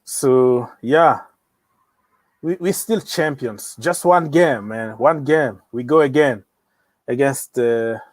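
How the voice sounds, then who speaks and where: A man's voice: medium pitch, takes it slowly, dry recording. A young man hosting a casual football livestream, joking around and talking straight to his viewers. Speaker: livestream host of a football channel.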